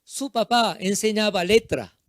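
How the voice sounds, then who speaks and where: A pastor delivers a sermon in short, halting phrases, using simple non-native grammar and repeating himself often. His voice sits high, and the studio recording is clean with no echo.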